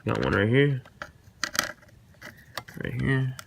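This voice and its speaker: Speaking slowly in a creaky, medium-pitched voice, a man hosts a relaxed car installation tutorial, restating steps as he works. Background clicks and vehicle sounds make the recording noisy.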